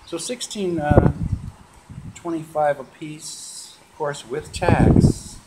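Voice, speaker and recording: A man's voice: fairly high pitch, slow pace. Rambling man showing coins, noisy recording. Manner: relaxed and rambling, with many "uh" fillers. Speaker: coin collecting vlogger. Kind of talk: casual show-and-tell vlog. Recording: noisy home video recording.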